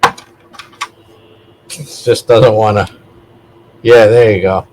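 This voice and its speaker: A man with a lowish, slightly mellow voice speaks steadily and slowly, with a faint hiss or hum in the audio. He's a video host and vlogger rambling casually, drifting off on tangents and correcting himself as he talks.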